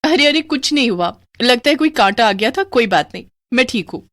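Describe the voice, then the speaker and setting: A woman voicing a greedy, excitable young wife whose voice goes shrill. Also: fairly quick, no echo, studio quality. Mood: cheerful.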